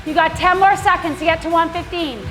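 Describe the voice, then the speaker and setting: This cycling coach speaks briskly in an extremely high voice with fairly even intonation. She leads a workout with encouraging, projected cues and countdowns, recorded in an echoey room over workout music.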